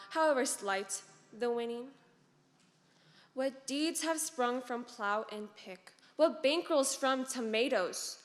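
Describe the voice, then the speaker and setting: A young woman in her late teens reciting a poem with measured, deliberate phrasing. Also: fairly high pitch, a bit bright. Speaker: student reciter. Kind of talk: formal poetry recitation. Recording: long hall reverb, distant.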